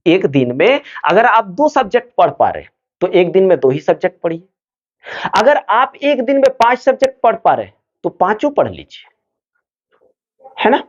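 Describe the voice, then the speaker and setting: Lively teacher man, dull lo-fi recording. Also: sits high, normal speed. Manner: asks questions and answers them himself. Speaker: study advice teacher. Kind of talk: motivational study talk to students.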